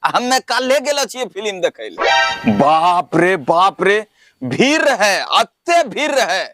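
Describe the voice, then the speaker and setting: Man as a boastful rustic dad, loud theatrical bragging, high lively voice. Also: measured pace, no echo, faint music behind, heavily acted. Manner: brash, boastful, theatrical bluster. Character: boastful middle-aged village father, film superfan. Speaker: comedy sketch performer. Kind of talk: rustic comedy skit.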